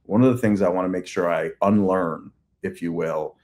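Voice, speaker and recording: A man's voice: low voice, normal speed, a little mellow. A man in his forties with a Long Island accent, answering interview questions at length in a chatty way with many fillers. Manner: talkative, uses many fillers and restarts. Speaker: agency CEO guest.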